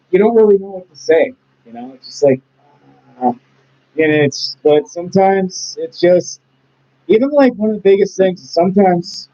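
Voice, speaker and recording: A man's voice: high-pitched, dark tone. A man hosting a casual interview, rambling encouragingly with lots of fillers. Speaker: host. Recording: dull lo-fi audio.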